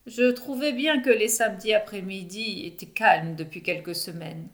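A woman reading aloud, voicing a calm, wry male librarian in a storybook. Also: mid-range voice, normal speed, natural voice.

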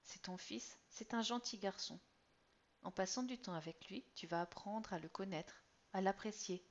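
Woman voicing a soft-spoken gentle mother. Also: medium pitch, normal speed, close to an everyday voice. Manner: soft, hushed, tender. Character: gentle mother, soothing and protective. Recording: slightly dull lo-fi recording.

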